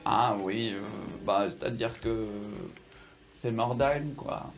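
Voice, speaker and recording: A man's voice: medium pitch, slow pace. A man, improvising narration and dialogue as a tabletop game master in a casual, hesitant way. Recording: music playing behind the voice. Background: music.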